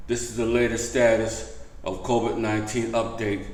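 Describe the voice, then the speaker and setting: A man presents a casual update as a vlog host. His voice is on the low side and he stresses his points by repeating them. The sound has a clear room echo. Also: level tone, normal speed, a little mellow. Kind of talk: casual news update to camera. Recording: echoey room.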